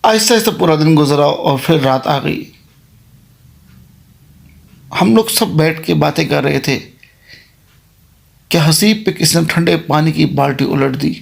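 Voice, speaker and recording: A man's voice: on the high side, a little slow, gravelly, pauses often. A man narrating a first-person horror story in a plain, conversational recounting manner.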